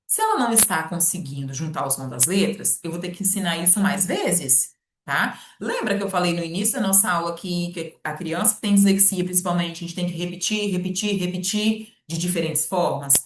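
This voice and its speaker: A woman's voice: on the low side, expressive, far from the mic. Brazilian woman, literacy teacher, patient and repetitive, roomy echo, a little off the mic. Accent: Brazilian Portuguese. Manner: patient, repetitive, checks in often with a quick "tá?". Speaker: literacy specialist teaching professionals. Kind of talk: informal teaching talk. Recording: echoey room, voice off-mic.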